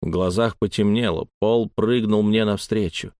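A man narrating a first-person story as an audiobook in a calm, even delivery. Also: lowish voice, normal speed, dry recording, clean studio sound.

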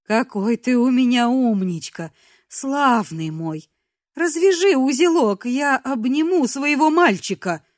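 A woman's voice: high-pitched, animated, slow pace, no room sound, voice pushed up. Woman reader as a young captive, coaxing and soothing, close dry read. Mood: cooing. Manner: soft coaxing, cooing tones.

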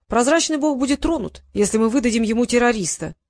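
A woman's voice: on the high side, lively intonation, quick pace, a little mellow, no room sound, clean studio sound. A woman reading an audiobook, voicing a scheming, haughty court vizier with a mocking, condescending tone.

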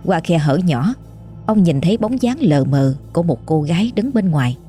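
A woman narrating a scripted ghost story with a measured, suspenseful delivery. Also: lowish voice, lively intonation, dark tone, faint music behind.

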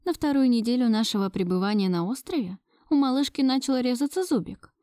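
Woman with a mellow, measured narration. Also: on the high side, no echo, clean studio sound. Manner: measured, expressive storytelling. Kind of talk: first-person audiobook narration.

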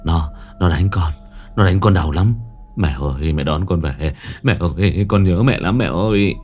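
A man doing a low, pained spirit voice. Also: normal speed, a little mellow, faint music behind. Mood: pained pleading. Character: possessed man speaking as a dead soldier's spirit, pleading.

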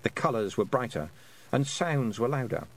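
A man narrating an audiobook in an expressive storytelling manner. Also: medium pitch, normal speed, low-quality recording.

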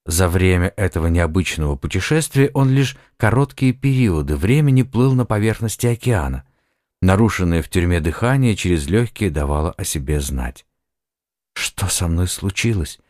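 A man narrating an audiobook in a steady, even storytelling manner. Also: sits low, normal speed, no room sound, clean studio sound. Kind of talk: scripted narration.

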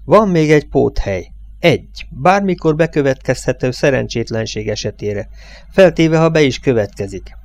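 A man voicing a gruff, commanding old oil company boss in an audiobook. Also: medium pitch, animated, a little mellow, natural voice. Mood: brusque. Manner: curt, commanding.

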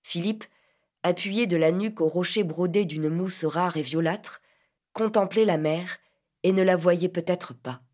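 A woman narrating a literary novel as an audiobook reader, measured and softly expressive. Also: lowish voice.

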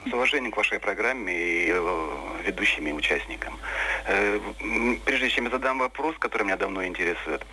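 A man's voice: fairly low pitch, fairly quick, bright, forceful tone, slight background noise. A man calling in to a radio show, speaking politely and hesitantly over a phone line. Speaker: caller.

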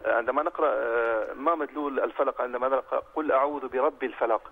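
A man calling in to a program over a phone line, asking questions in a halting way with many fillers and reciting verses. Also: mid-range voice, steady tone, a little hiss or hum. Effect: heard over a phone line. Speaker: caller.

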